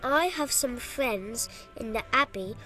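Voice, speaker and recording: A woman voicing a modest, friendly male court composer who calmly tells his own story for an audio guide. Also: a little high, slow pace, loud music behind the voice.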